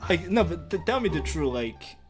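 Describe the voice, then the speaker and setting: A man hosting a video-chat language channel, talking in lively casual banter with lots of "like" fillers. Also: a little high, normal speed. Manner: excitable, lively, uses many "like" fillers. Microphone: video call. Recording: video-chat audio with music behind.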